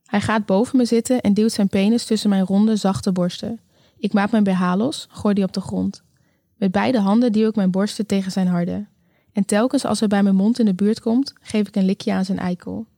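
A woman narrating a first-person erotic story slowly and sensually, in an intimate, close tone. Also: mid-range voice, fairly even intonation, vocal fry, mellow, dry recording. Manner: slow, sensual, intimate delivery.

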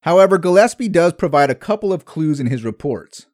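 Male history narrator, somewhat high voice, steady measured read, dry booth sound. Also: no echo. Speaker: history podcast host.

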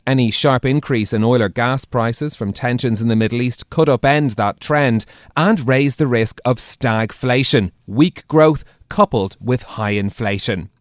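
A man's voice: medium pitch, dry recording. Male news anchor, dry close sound. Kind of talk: broadcast news presenting.

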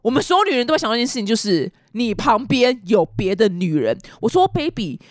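A young woman with a Taiwanese Mandarin accent, telling a story in animated chat as a show host and acting out the voices of the people in it. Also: fairly high pitch, quick pace, no room sound, clean studio sound. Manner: dramatic, acts out quoted voices.

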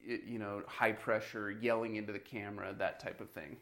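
A man's voice: on the low side, level tone, a little fast, a bit bright. A man in a casual podcast chat about marketing, talking loosely and filling gaps with "you know" and "like". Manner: conversational, heavy on "you know" and "like".

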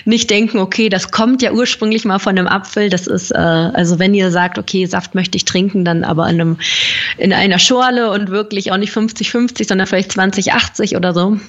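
Husky, creaky-voiced woman, slightly dull recording. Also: medium pitch, fairly even intonation, fairly quick. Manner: informal, addresses listeners directly. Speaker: podcast guest giving nutrition advice. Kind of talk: casual explanatory talk.

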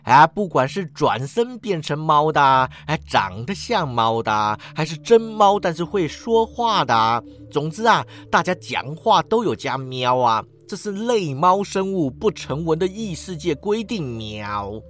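A man's voice: a little high, very animated, a little slow, few pauses, fairly bright tone. A man voicing a smug meowing orange cat. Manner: ends lines with a meow, drawling. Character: smug lazy male talking orange cat.

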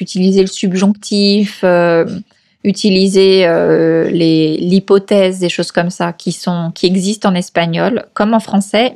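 Woman interviewee, casual, chatty, halting with fillers, laughs often. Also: medium pitch, darkish tone. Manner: chatty, many fillers and restarts, laughs easily. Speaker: guest.

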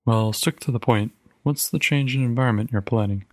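A man's voice: mid-range voice, brisk, a little mellow, dry recording, close to an everyday voice. A man doing a glum, grumbling husband. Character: weary skeptical husband, middle-aged man.

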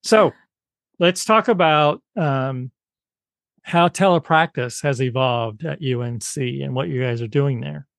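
A man's voice: mid-range voice, measured pace, gravelly, dry recording. Affable male interviewer, dry sound. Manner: affable, agreeable, frequent restarts. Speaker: interviewer, host. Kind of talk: conversational interview.

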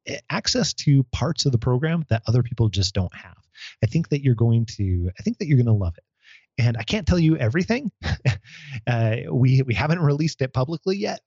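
A man's voice: mid-range voice, mellow, no room sound. Man, podcast host, playful, casual chat, dry muffled sound. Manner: playful, laughs often.

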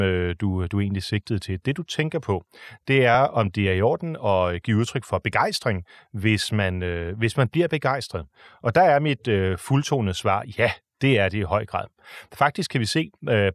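Low-voiced Danish radio host, dry studio sound. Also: male voice, no echo. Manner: chatty, many hesitations, wry and opinionated. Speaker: radio host answering listener questions. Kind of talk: casual radio talk about opera.

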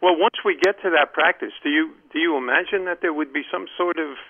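A man's voice: fairly high pitch, fairly quick. A man from Maryland calling in to a radio show over the phone, talking hesitantly with many restarts. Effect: phone call. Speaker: caller. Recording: tinny phone line.

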